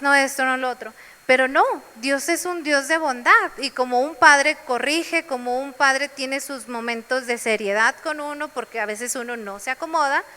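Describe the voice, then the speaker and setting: A woman's voice: high voice, sharp tone, big-room sound. A woman preaching a sermon in a church, sharing personal testimony.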